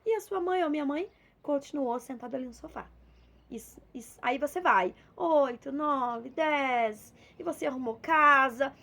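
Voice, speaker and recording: A high-voiced woman with a Minas Gerais accent gives a relaxed devotional talk. She speaks in a chatty, storytelling way and slips into little acted exchanges as she goes. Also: moderate pace, gravelly. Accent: Minas Gerais Portuguese. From Minas Gerais, Brazil. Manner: conversational, storytelling with acted dialogue. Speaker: preacher.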